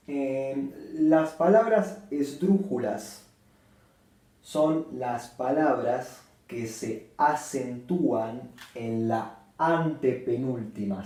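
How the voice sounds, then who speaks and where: A man teaching a Spanish grammar lesson at a board, speaking slowly and deliberately and repeating each example word. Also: mid-range voice, warm tone, far from the mic. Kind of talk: slow whiteboard grammar lesson. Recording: very echoey room, voice from off the mic.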